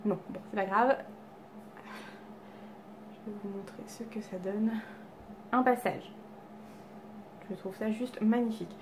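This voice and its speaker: A woman's voice: mid-range voice, takes it slowly, pauses often, a little mellow, slight background noise. A woman chatting casually to camera about her makeup haul, self-deprecating and full of fillers and restarts, at home. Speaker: beauty vlogger. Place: home with cats around.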